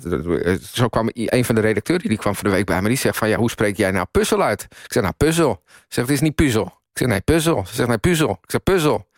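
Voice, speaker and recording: Man, radio host, rapid talk, dry studio sound, rambling jokey banter. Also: mid-range voice, no echo. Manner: rambling, self-mocking banter. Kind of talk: joking live radio chat.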